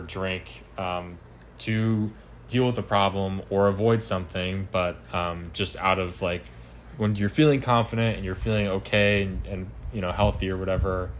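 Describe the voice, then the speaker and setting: A man's voice: low voice, slight background noise. A man in his twenties answering interview questions at home, hesitant, with many ums and restarts. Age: 20s. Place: home apartment.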